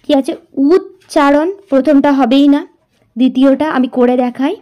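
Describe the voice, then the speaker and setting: A woman's voice: high-pitched, steady tone, dark tone. A woman teaching a grammar lesson to school students, patiently asking questions and answering them herself, and drawing out words as she writes. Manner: slow, patient, asks and answers her own questions.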